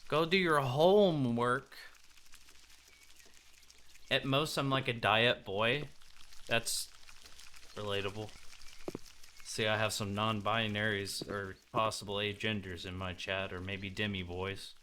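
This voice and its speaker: A man's voice: on the low side, steady tone, slow pace, long pauses, pushed and bright, slight background noise. A young man streaming a game, chatting loosely and joking with his viewers. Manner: loose, joking, talks to chat. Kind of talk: casual game stream chat.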